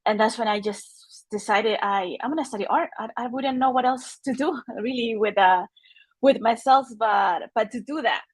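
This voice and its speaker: A woman from Chile, a native Spanish speaker, telling her story as a guest artist over a video call, halting with many fillers and restarts. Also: on the high side, slightly rough, no echo. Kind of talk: casual personal talk. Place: home studio with art on the walls.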